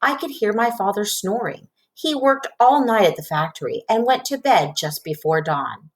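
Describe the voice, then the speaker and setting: With a medium pitch and moderate pace, a woman reads a children's storybook aloud in an expressive, narrating style. The recording quality is rough.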